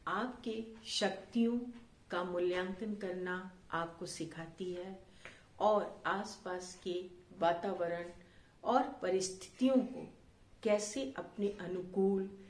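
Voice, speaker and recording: A middle-aged woman teaching a grammar lesson to children, speaking slowly and deliberately with frequent pauses and fillers. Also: fairly low pitch, roomy sound. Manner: acts out example sentences with exclamations.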